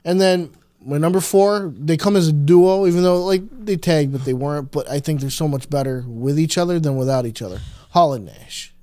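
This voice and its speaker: A man's voice: on the high side, fairly quick, warm tone, dry recording, clean studio sound. A man in his thirties, chatting eagerly on a podcast, rambling with many restarts. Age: 30s. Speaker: co-host. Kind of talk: casual podcast chat.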